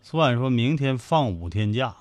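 A man co-hosting a comedy radio talk show with a Northeastern Chinese accent, teasing his partner in quick banter. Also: medium pitch, expressive, dry recording. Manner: teasing, quick-witted, mock-indignant. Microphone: studio microphone.

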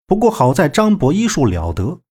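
A man narrating a novel as an audiobook in an expressive storytelling manner. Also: fairly high pitch, normal speed, slightly rough.

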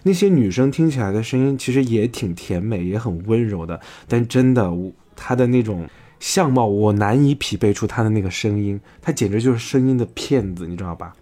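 A man's voice: fairly low pitch, lively intonation, brisk, dark tone. A man from Chengdu co-hosting a podcast, chatting playfully and often breaking into laughter. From Chengdu, China. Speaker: podcast co-host. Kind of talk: casual chat.

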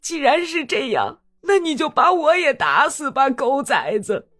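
A woman's voice: high-pitched, big pitch swings, a little slow, fairly bright tone, faint music behind, voice pushed up, full character voice. A woman voicing a hot-tempered, stubborn old grandfather. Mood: furious. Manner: pleading then defiant.

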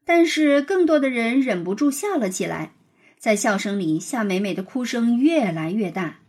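A woman with a husky voice narrating a children's storybook in an expressive read-aloud manner. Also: fairly high pitch, moderate pace.

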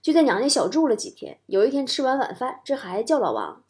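A woman hosts a stand-up comedy monologue. Her voice sits high and swoops widely as she tells stories and lands playful punchlines. She keeps an animated storytelling manner throughout. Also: quick pace. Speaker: talk show host.

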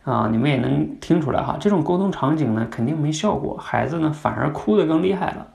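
A man's voice: on the high side, animated, a little fast, creaky, a little mellow. A man hosting a podcast that teaches communication, explaining in a conversational way and often asking his listeners questions.

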